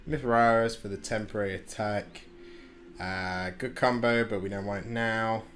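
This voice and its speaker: A man's voice: on the low side, fairly even intonation, a little slow, a bit bright, slight background noise. A young man giving casual commentary over a card game he is playing at home, chatty and self-deprecating, with plenty of ums and restarts. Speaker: gaming channel host. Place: home room. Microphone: desk microphone.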